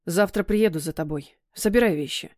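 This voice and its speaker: A confident young man speaks gently and reassuringly to his love in a storybook romance, voiced by a woman narrator. Dry, close recording without room echo. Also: fairly low pitch, normal speed, lightly acted. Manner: soothing, reassuring.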